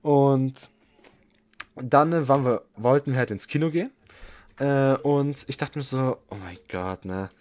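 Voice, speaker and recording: A young man rambles through a long story on a casual podcast, leaning on fillers and restarts. His voice sits at an ordinary middle pitch. The sound is dry and close, with no room behind it. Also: a little slow, pauses often, darkish tone, no room sound. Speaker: podcast co-host.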